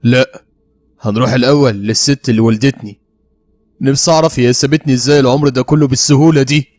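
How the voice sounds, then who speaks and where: A man's voice: medium pitch, steady tone, fast talker, a little mellow, natural voice. A man playing a hurt young police officer who speaks with an Egyptian accent in a raised, bitter voice. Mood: wistful. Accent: Egyptian Arabic.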